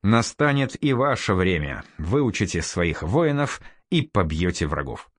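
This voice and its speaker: A man voicing a scarred veteran commander who speaks curtly and gives sharp orders like a drill sergeant. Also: deep voice, big pitch swings, unhurried, no room sound, clean studio sound, exaggerated voice. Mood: stern. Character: stern scarred male commander, curt and commanding.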